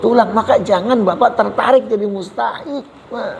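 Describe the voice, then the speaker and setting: Over background noise, a man with a high, creaky voice preaches at a moderate pace in a lively Islamic lecture with audience questions. He jokes around, constantly addresses the crowd as "Pak", and slips "subhanallah" in between his points.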